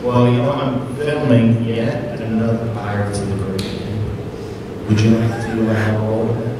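A middle-aged man hosts a live hypnosis show in a big, very reverberant hall. His voice sits at an ordinary male pitch and is picked up from across the room. Loud noise runs through the recording. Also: fairly even intonation, moderate pace. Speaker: stage hypnotist and host. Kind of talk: live stage show patter, interviewing participants. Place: large indoor school hall with seated audience. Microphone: handheld microphone through speakers, recorded by far camera. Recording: echoey hall, distant mic, loud noise.

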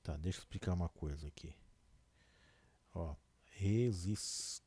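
A Brazilian man teaching a casual lesson, explaining slowly and often checking in with the listener. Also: a bass voice, level tone, warm tone, slightly rough, no echo. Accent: Brazilian Portuguese. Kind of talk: casual classroom lesson video.

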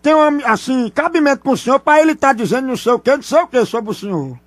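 A man putting on a squeaky stammering prank caller. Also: lively intonation, quick pace, no echo. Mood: hesitant. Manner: stammering, hesitant, teasing. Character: high-voiced male prank caller, nervous, stammering gossip. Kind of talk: prank phone call.

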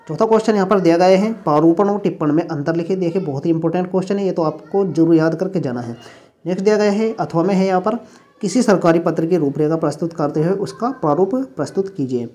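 A man's voice: fairly high pitch, dark tone. Patient man explaining an exam paper. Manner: step-by-step explaining, mixes English terms into Hindi; patient, repeats each correction. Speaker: teacher. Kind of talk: lesson going through a past exam paper.

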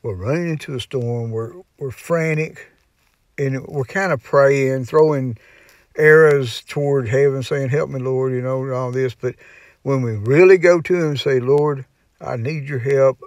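A man's voice: mid-range voice, normal speed, darkish tone, no echo. Man, informal Bible teaching, folksy and rambling, dry recording. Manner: folksy, rambling, full of "you know" and restarts. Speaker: preacher.

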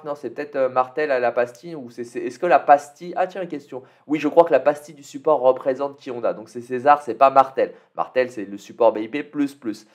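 Chatty French gaming commentator, mid-pitched man. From France. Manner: chatty, thinks aloud with fillers and tag "hein". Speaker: gaming YouTuber. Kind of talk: casual game commentary.

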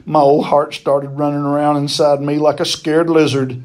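A man reading a children's novel chapter aloud in a steady, plain storytelling manner. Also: a little high, normal speed.

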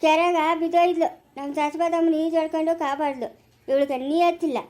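A woman voices an indignant, quarrelsome village man who scolds and rants in a rural Chikkaballapura Kannada accent. The voice is very high yet darkish, steady and fairly quick, and the lines come in repeated, defensive bursts in the manner of a family skit.

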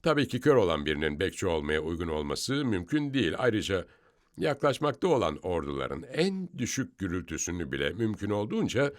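A low-voiced man leads a scripture study discussion, explaining each passage step by step. His pitch rises and falls a lot as he stresses points, and he sounds emphatic and instructive. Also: big pitch swings, brisk. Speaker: Bible teacher.

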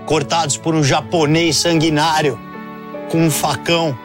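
A self-pitying aquatic superhero, played by a man with a Brazilian accent, gives a mock interview. The voice is fairly high, whiny and aggrieved, with clear music behind it. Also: fairly even intonation, measured pace, lightly acted. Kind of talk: sketch comedy mock interview monologue.

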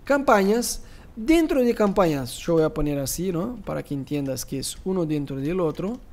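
A man with a Rioplatense Spanish accent, a pastor running a live online class on church advertising, animated and teasing with rhetorical asides. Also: a little high, moderate pace.

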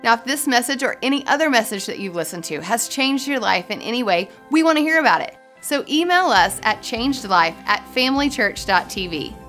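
Bright-voiced woman announcer over music. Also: a little high, expressive, fairly quick, hardly any pauses. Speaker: online church host. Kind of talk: scripted welcome announcement.

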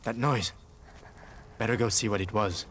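Man voicing a greedy game guard, contemptuous, low voice, loud noise behind. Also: steady tone, moderate pace, natural voice. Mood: sneering. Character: greedy male soldier guard, sneering.

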